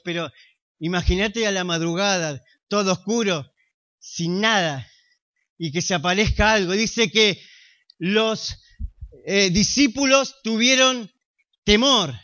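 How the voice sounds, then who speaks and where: A man with a Rioplatense accent preaches a sermon in a strikingly high, bright voice. He speaks very slowly and emphatically, leaving long dramatic pauses. The recording sounds slightly dull and lo-fi. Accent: Rioplatense Spanish. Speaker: pastor.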